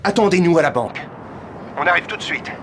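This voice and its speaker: An actor playing an urgent, quick-thinking male field agent in a French-dubbed action series. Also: fairly high pitch, lively intonation, slight background noise, close to an everyday voice. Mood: urgent, reassuring. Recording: music behind the voice.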